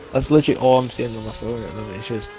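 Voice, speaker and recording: A man's voice: medium pitch, dark tone, poor audio. A man chatting casually during a sim race, laughing often and trading crude banter over voice chat. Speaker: sim racing co-commentator and driver. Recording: race car engine noise underneath.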